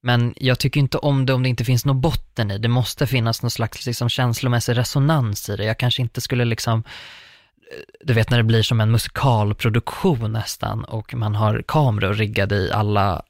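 A young man chats casually and tells a personal story at length. He rambles, circles back and leans on fillers, in a middle-pitched voice. The sound is dry and close, with no room echo. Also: steady tone. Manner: rambling, filler-heavy, warmly anecdotal.

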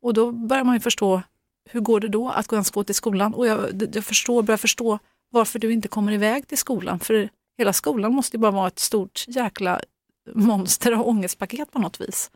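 A middle-aged woman telling a painful family story, halting and full of fillers and restarts. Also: mid-range voice, steady tone, dry recording, clean studio sound. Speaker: guest, mother. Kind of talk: emotional personal account.

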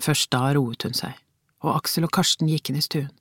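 A reader narrating a crime novel as an audiobook, in measured storytelling with tense inner questions. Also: medium pitch, fairly bright tone, slightly rough, no echo, clean studio sound.

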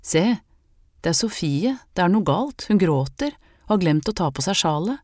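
Worried young servant girl, read by a woman, low dark voice. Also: big pitch swings, no room sound, studio quality.

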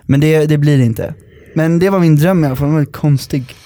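A man hosting a podcast, telling stories in an animated casual chat and swearing freely. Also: on the high side, background noise. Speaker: podcast host.

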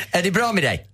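A man's voice: high voice, sharp tone, slightly rough, no echo, clean studio sound. A man hosting a casual radio show, teasing and boasting playfully as he competes in a quiz. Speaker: radio host. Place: radio studio. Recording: radio broadcast with music underneath.

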